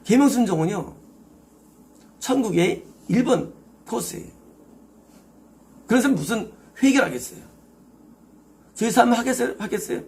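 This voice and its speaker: High-pitched gravelly man preaching. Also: animated, moderate pace, long pauses, darkish tone. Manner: rhetorical questions answered himself, emphatic. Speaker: pastor. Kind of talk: expository sermon.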